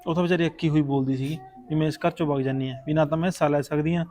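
A man's voice: on the high side, steady tone, very fast, darkish tone, soft background music, close to an everyday voice. A man acting an elder brother who asks his widowed sister to forgive him and reassures her. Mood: regretful. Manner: earnest, pleading, reassuring. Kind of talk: amateur village short-film acting.

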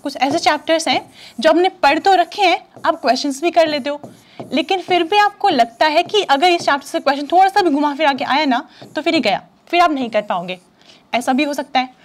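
A young woman with a high-pitched voice explains exam preparation to students. She talks in a casual, direct way, often checking that they follow and reassuring them. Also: a little fast. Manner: chatty, direct, reassuring, addresses students as "you". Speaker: chemistry exam coach. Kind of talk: casual Hindi-English teaching talk.

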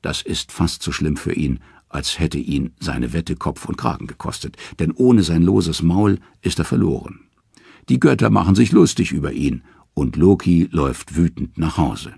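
A man reading a myth audiobook as narrator in a lively, expressive storytelling manner. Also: low-pitched, moderate pace, gravelly, breathy edge, dry recording, studio quality. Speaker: audiobook reader.

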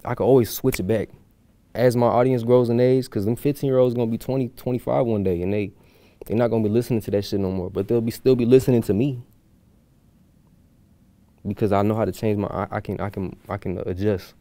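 A young man from Houston talks in a loose, rambling way as a guest musician on a talk show. His voice is fairly low. The recording is dry, with little room sound. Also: fairly even intonation, a little fast, warm tone, no room sound. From Houston, USA. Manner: rambling, loose, with many fillers. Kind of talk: casual chat.

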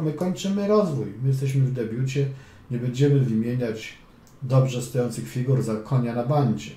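Male chess coach, casual commentary, mellow voice, echoey room. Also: medium pitch. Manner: playful, chatty, drifts into quips and mutters. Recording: roomy echo, faint room hum.

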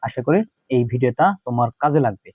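A man's voice: medium pitch, animated, a little fast, phone-quality sound. A young man, running an exam-prep lesson, reading each question and repeating the answers. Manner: reads questions then answers, repeats key answers.

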